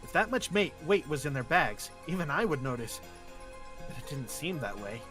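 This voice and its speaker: Man acting a bright, earnest young sleuth. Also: on the high side, sing-song, moderate pace, soft background music. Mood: earnest, reasoning. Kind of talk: amateur visual novel voice-over.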